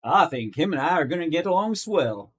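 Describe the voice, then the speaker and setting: A man at a tabletop game, joking and playful, with a slightly high voice that moves around a lot. He chats casually, tossing in quips. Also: expressive, brisk, a bit bright, husky. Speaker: player.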